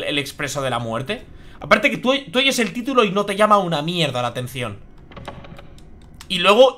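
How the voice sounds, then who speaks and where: A man's voice: on the high side, pushed and bright. A young man from Spain with a Spanish accent, chatting and swearing as he comments on a live horror game. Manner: chatty, swears freely, reacts aloud. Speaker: streamer.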